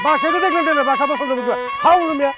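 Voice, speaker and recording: This is a rude building caretaker in a comedy sketch, played by a man. He fires off curt replies at top speed in a strikingly high voice. Music plays clearly behind him. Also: racing. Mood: brusque. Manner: brusque, curt.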